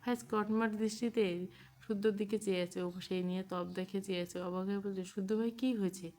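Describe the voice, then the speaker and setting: A woman narrating a romance novel as an audio story in a steady, even manner. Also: medium pitch, fairly quick.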